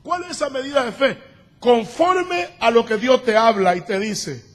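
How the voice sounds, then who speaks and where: A man with a very high-pitched voice preaches a sermon as a pastor. He moves from calm explanation into shouted, emphatic declarations. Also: moderate pace. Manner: preaching, rising to shouts at times.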